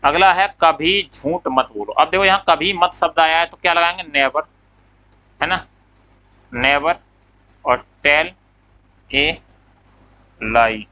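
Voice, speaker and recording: A man's voice: on the high side, unhurried, pauses often, bright, forceful tone, low-quality recording. A man teaching English grammar in a classroom lecture. He asks questions, answers them himself, and draws out the English words as he dictates them.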